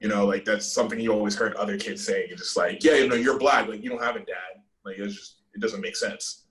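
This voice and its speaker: A man's voice: on the low side, brisk, fairly bright tone, rough recording. A man in his twenties talking casually and loosely, with lots of fillers, in a video call interview. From United States. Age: 20s.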